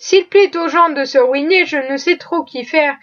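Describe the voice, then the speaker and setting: A woman reading the lines of a weary, cynical gentleman with slow, world-weary reasoning. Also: high-pitched, muffled recording. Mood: resigned.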